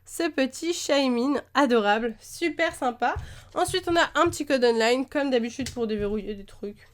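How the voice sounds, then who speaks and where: A woman's voice: sits high, lively intonation, moderate pace. A young woman chatting enthusiastically to camera as she unboxes trading cards, with many fillers along the way. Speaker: YouTuber opening trading cards. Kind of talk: casual unboxing chat. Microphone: camera mic, face to camera.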